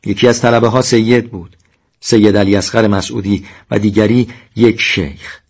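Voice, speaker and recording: Man, lowish voice, solemn measured reading, war memoir narration. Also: fairly even intonation.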